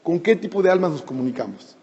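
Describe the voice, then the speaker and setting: A man's voice: fairly high pitch, expressive, fast, a little mellow, slightly rough. A man teaching a Torah class, explaining and retelling a scripture story in a conversational way with frequent restarts. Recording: lo-fi with long hall reverb.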